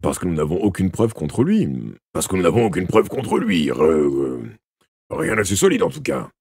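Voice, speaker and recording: A stern, scolding police inspector, as a man reads him aloud from a detective novel. The voice is husky and low, yet lifts and swings with lively inflection, and it sits close and dry with no room around it. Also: moderate pace, no room sound, heavily acted. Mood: exasperated. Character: gruff middle-aged male police inspector.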